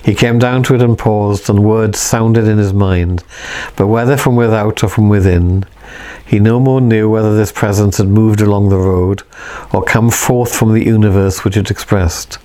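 A man reading a novel aloud in a quiet, measured, reflective way. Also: on the low side, steady tone.

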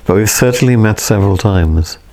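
A man reading the part of a calm, mysterious young man who speaks gently and solemnly. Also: on the low side, brisk, lightly acted. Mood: serene.

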